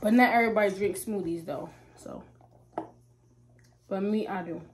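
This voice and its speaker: A woman's voice: mid-range voice, normal speed, noisy background. A 21-year-old woman from Ohio, a vlogger casually chatting to her viewers in a slangy, talkative way, at work and in her car. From Ohio, USA. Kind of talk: casual vlog chat to viewers.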